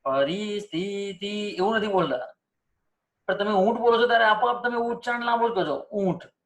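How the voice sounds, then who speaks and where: A man's voice: sits high, moderate pace, fairly bright tone. A man teaching a spelling lesson, asking students questions and repeating example words to drill pronunciation. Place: teaching setup with screen and cursor.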